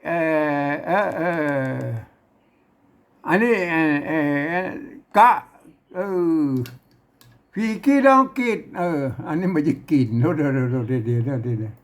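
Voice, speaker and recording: A man with a Northern Thai accent teaching an informal reading lesson, slowly working through an old manuscript, repeating words as he deciphers them and chuckling often. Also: fairly high pitch, sing-song.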